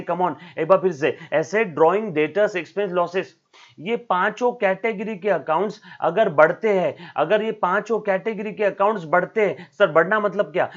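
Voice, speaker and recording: A high-voiced man teaches accounting in a recorded lecture and speaks to his students fondly, as if to his own children. He switches between Hindi and English terms and keeps checking in with "yes or no?". The sound is dull and lo-fi. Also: fairly bright tone. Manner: calls students "beta" and "my child", asks "yes or no?".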